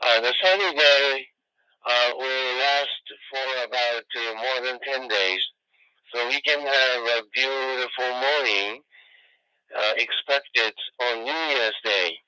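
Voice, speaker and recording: A man's voice: medium pitch, slow pace, bright, forceful tone, clean tone, no room sound. Man heard over a ham radio. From Japan. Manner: polite and formal, spells call signs phonetically. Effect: heard over a radio transceiver. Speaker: amateur radio operator. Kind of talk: ham radio contact exchange. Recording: dull lo-fi radio audio.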